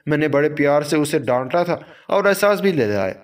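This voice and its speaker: A man giving a scripted narration of a moral story, with a steady, even storytelling delivery. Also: on the high side.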